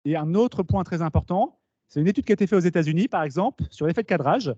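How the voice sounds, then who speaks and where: A man giving a lively conference talk to students, explaining with asides and questions to the audience. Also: high-pitched, fast, no room sound. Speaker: speaker at a talk. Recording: dull, slightly lo-fi meeting recording.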